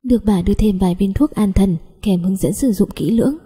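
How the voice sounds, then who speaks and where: Dark, husky woman reading a story. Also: mid-range voice, fast. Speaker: audiobook reader. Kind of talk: first-person story narration. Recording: long reverb on the voice.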